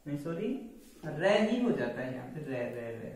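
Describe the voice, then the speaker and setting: A man's voice: fairly high pitch, sing-song, moderate pace, a little mellow, recorded from a distance. A man teaching an online grammar class, explaining step by step and answering his own questions. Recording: echoey room, voice off-mic.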